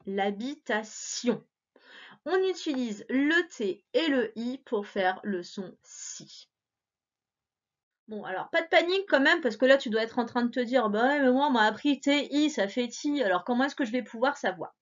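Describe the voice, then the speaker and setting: A woman teaching reading to young kids online breaks words into syllables, staying patient and encouraging. Her voice sits high and sounds animated at a normal speed, though the recording is dull and lo-fi.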